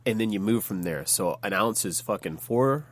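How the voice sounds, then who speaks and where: A man's voice: on the low side, expressive, normal speed. A man hosting a podcast in casual, slangy talk with frequent swearing. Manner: profane, slangy. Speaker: podcast host, bartender. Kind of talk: casual chat.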